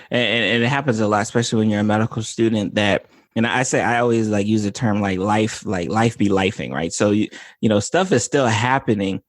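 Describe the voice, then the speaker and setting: Relaxed man hosting a chat, dry sound. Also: lowish voice, no echo. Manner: relaxed, rambling, many restarts and fillers. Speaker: podcast host, physician. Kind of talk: casual interview chat.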